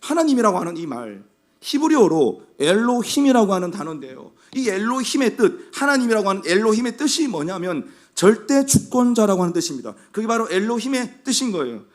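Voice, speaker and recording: A man preaching a Sunday sermon in a strikingly high voice. His pitch swings widely as he drives his points home with repeated phrases and rhetorical questions. The delivery is that of a senior pastor addressing his church. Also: very animated, fairly quick. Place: church sanctuary.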